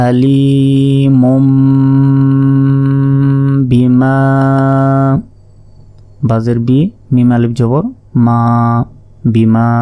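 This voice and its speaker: A man with a Bangladeshi Bengali accent teaching Quran recitation, spelling out each word letter by letter in a slow, methodical way. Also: mid-range voice, mellow.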